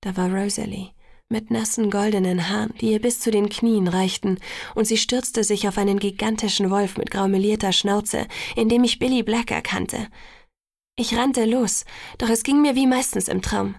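Hushed, gravelly woman narrating a novel. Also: mid-range voice, fairly even intonation, normal speed, dry recording, clean studio sound. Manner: hushed, breathy half-whisper. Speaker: audiobook narrator. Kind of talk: first-person novel narration.

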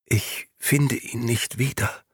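A man voicing a little girl who is frozen and barely conscious, speaking weakly and haltingly. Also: medium pitch, steady tone, breathy edge, no echo, pitched above the performer's own voice. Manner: weak, faltering, halting.

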